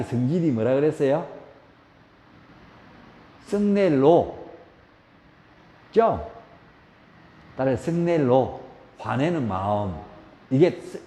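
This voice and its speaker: A man with a Gyeongsang Korean accent teaching a yoga class, asking questions and acting out shouts. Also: mid-range voice, takes it slowly, long pauses. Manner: lively, asks the class questions, acts out shouts. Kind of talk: spoken yoga lecture. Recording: roomy hall echo.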